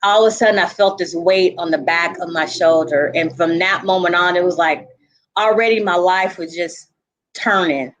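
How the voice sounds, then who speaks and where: A woman in a group conversation, telling a painful personal story earnestly, with halting restarts and frequent asides of "you know". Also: on the low side, highs cut off. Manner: earnest, reliving a painful memory. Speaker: panel guest.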